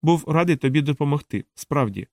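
A gentle male alien pilot speaks in a soft, hushed whisper, pitched a little higher as a man reads him. The sound is dry and close, with no room around it. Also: lively intonation, fairly quick, dry recording. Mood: hushed, kindly.

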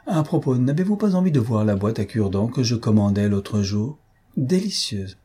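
A man voicing a vain, foppish young gentleman who talks in an affected, mocking, chatty way. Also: mid-range voice, big pitch swings, normal speed, slightly rough.

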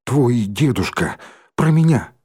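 A man voicing an earnest, remorseful schoolboy who speaks in a halting confession. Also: medium pitch, sing-song, warm tone, husky, exaggerated voice.

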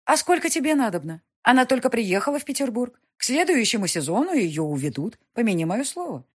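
A woman voicing a domineering aristocratic countess who scolds her grown son, in a husky, high-strung, overbearing voice, as in a period audiobook. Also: very animated, a little fast. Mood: scolding. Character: imperious aristocratic middle-aged countess mother.

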